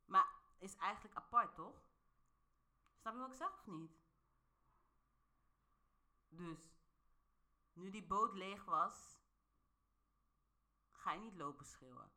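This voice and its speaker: A woman with a mid-range voice talks unhurriedly, pausing often, her pitch swinging widely and her tone bright and forceful. As a vlogger, she keeps her monologue to viewers playful and casual, laughing frequently and asking whether they're keeping up.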